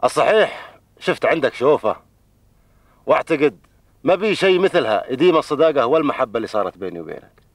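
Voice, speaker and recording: An actor playing an earnest middle-aged suitor in a television drama, speaking formally and respectfully with a Bedouin Arabic accent. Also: male voice, mid-range voice, lively intonation, fast, long pauses, no room sound, distant mic. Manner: deferential, formal.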